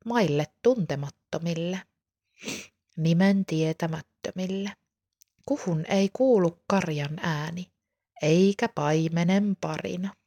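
A woman reads a children's story aloud. Her voice sits a little low, and her reading is calm and unhurried.

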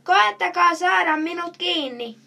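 A mischievous little chameleon from a children's storybook taunts its chasers with a high, giggly voice, as a woman reads it aloud. It sounds cheeky and delighted with itself, never tiring of the game. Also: sharp tone, recorded from a distance. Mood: teasing. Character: playful color-changing chameleon, cheeky runaway pet.

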